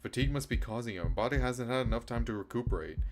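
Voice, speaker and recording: Animated and racing along, a man with a mid-range voice streams a game over soft background music. He switches between voicing the story narration and making casual comments, with distinct background noise and a rainy atmosphere throughout.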